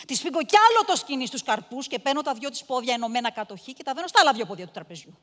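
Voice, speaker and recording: Playing the harsh, overbearing lady of a house, an actress delivers a stage monologue full of icy contempt that breaks into shouting. She has a high-pitched, very animated female voice, and the sound is that of a big room.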